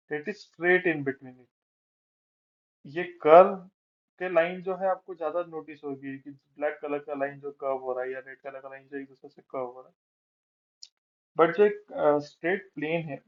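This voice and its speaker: भारतीय लहजे वाला एक पुरुष शिक्षक, जो हिंदी में मनोविज्ञान का पाठ समझाता है और अंग्रेज़ी अंश धीरे-धीरे पढ़ता है।. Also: male voice, fairly high pitch, dull audio. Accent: Indian. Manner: mixes Hindi explanation with slowly read English passages, many filler phrases. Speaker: psychology teacher. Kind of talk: explaining a lecture, reading out English text slowly.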